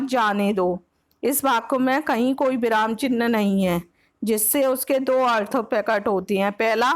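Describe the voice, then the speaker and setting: A woman teacher with a Hindi accent from Uttar Pradesh, explaining grammar for an exam-prep lesson, patiently repeating each point and slipping English words into her Hindi. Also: fairly high pitch. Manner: mixes English words like next and example into Hindi.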